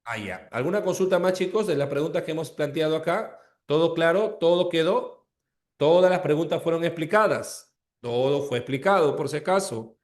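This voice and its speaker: A man with a somewhat high-pitched voice teaches a language class. He walks through each answer patiently. He keeps checking whether the students understand. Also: moderate pace. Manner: explains step by step, checks understanding with repeated questions. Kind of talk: online class explanation.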